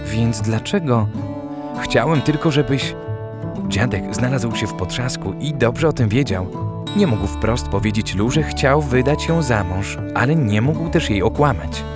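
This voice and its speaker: A man narrating an audiobook in a steady, even storytelling manner. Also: medium pitch, unhurried, music in the background.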